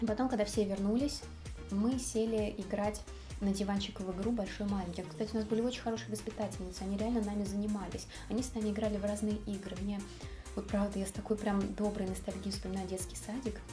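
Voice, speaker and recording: Higher-voiced young woman, music behind. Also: steady tone, fast. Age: young adult. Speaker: vlog host. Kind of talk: casual storytelling to camera. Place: furnished living room, indoors.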